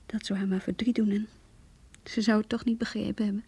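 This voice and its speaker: An actress voices a heartbroken young woman confiding a lost love in an intimate radio play monologue, halting, breathy and hushed with a wistful mood. Her pitch is medium and her tone level, with no echo.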